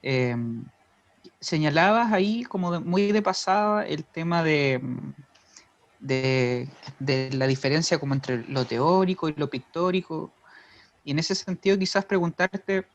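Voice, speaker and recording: A man, slightly high for a man, speaking through a muffled, lo-fi video call. His interview questions wander and double back as he corrects his own wording. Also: a little slow. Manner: winding, self-correcting questions.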